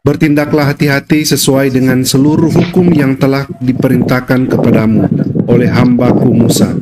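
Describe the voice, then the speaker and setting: A male interviewer reading a passage of scripture aloud in a steady, measured way. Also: mid-range voice, noisy background.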